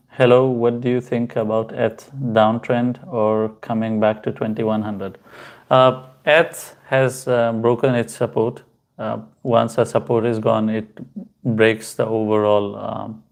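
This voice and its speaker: A man hosting a casual crypto livestream, answering viewer comments in a halting way with many fillers and chatty asides. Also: medium pitch, gravelly. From Pakistan. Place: home, in Canada.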